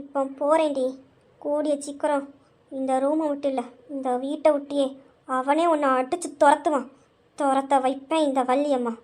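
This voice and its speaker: A woman's voice: very high-pitched, a little fast, a bit bright. A woman voicing a spiteful, domineering old grandmother in an audio drama, scornful and commanding. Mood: menacing. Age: older. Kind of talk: amateur Tamil audio drama.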